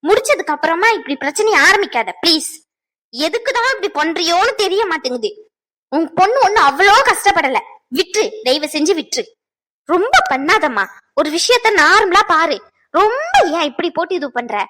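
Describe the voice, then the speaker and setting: An actress playing a patient married daughter who calmly pleads with her mother, in a serial drama. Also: extremely high pitch, moderate pace, exaggerated voice. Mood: soothing, pleading. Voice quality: soft, pleading, placating.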